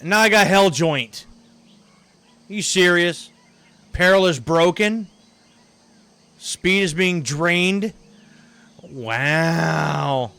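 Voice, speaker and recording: A tired male streamer talks slowly through his gameplay, rambling and searching for words. His voice is bright and crisp, a little high, caught close on a livestream headset mic. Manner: rambling, thinking aloud with many fillers. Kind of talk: casual gameplay commentary.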